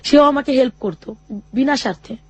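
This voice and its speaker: She's an interview guest with a high voice, describing her tough life story in a sincere, stop-and-start manner. She often repeats what people said to her, and no room sound is audible.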